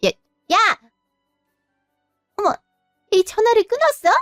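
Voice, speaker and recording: A woman's voice: very high-pitched, very animated, slow pace, no echo, clean studio sound, faint music behind, full character voice. A woman voicing a domineering elderly mother who scolds and gets flustered. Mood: outraged. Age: older.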